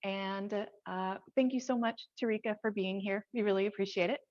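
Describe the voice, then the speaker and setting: A woman's voice: mid-range voice, steady tone, moderate pace, darkish tone, highs cut off. A woman hosting an interview, asking friendly, encouraging questions. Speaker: interviewer, host.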